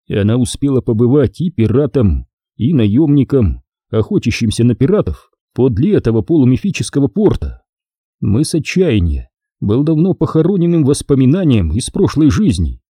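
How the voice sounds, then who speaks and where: A man with a husky voice narrating a science-fiction audiobook in a measured, expressive reading. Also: mid-range voice, no echo, clean studio sound.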